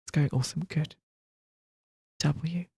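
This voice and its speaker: A male streamer chatting casually while carving a pumpkin, often dropping to a soft half-whisper and rambling with restarts. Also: on the high side, steady tone, measured pace, gravelly, slightly rough, no room sound, studio quality.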